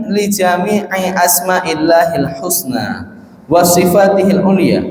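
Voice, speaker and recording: A man's voice: on the high side, a little mellow. Javanese-accented man teaching in echoey hall. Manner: explains slowly, repeating terms and translating Arabic phrases. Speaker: religious teacher. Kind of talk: classroom religious lesson. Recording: echoey hall with long reverb.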